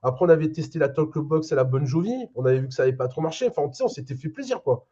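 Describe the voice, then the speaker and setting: A guitarist chats in a band interview, tumbling through his words fast and full of restarts. His voice is mellow and dark, heard on muffled lo-fi audio. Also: fairly high pitch. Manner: animated, lots of restarts.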